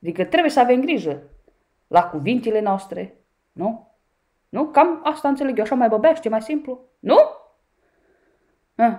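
A woman's voice: fairly high pitch, expressive, pauses often, mellow. A woman from Romania commenting on clips in a sarcastic, mocking way, speaking to her viewers as a vlogger. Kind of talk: reaction commentary.

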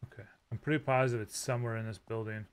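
A man's voice: fairly low pitch, fairly even intonation, rapid-fire, smooth. A man giving casual, rambling commentary while playing a game, often breaking into startled outbursts. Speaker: gaming YouTuber.

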